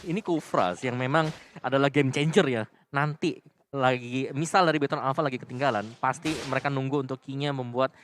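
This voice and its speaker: Fast-talking Indonesian male esports analyst. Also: medium pitch, a bit bright, a little hiss or hum. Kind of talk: live analytical game commentary.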